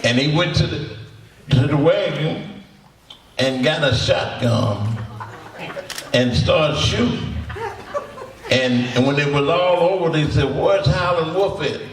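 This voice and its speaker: A blues musician in his 80s tells rambling stories to an audience in a symposium hall, his fairly high voice slow and full of pauses. He's folksy, repeating words and chuckling as he goes, with a crowd in the background. The recording is from far off in an echoey room.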